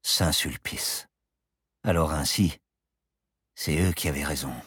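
A man's voice: very deep voice, slow pace, fairly bright tone, breathy edge, no room sound, studio quality, full character voice. A man voicing a boastful, eccentric professor who flies a plane and talks in grand, teasing phrases. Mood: grave. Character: boastful eccentric old professor pilot, playful.

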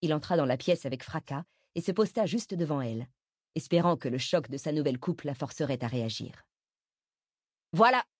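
A woman narrating an audiobook in an even, measured reading. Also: low voice, husky, dry recording, studio quality. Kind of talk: scripted narration.

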